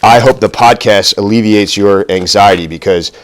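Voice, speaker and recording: A deep-voiced man hosts a casual cooking vlog, talking as he works at a normal speed. He comes across as nervous and self-deprecating, rambling with plenty of fillers, and he is out of breath at times.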